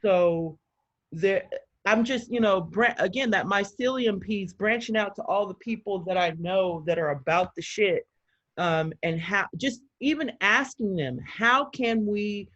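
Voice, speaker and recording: An excited woman chatting casually on a video call as a community organizer, talking fast with lots of fillers. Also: medium pitch. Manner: energized, talks fast with many fillers and quoted voices. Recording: muffled video-call audio.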